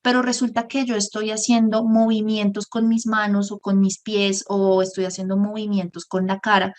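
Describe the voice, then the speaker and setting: A woman's voice: mid-range voice, little pitch movement, a little mellow. Woman running a speaking workshop, explains step by step, lots of examples. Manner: explanatory, often pauses on "por ejemplo". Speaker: communication workshop instructor. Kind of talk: online lesson.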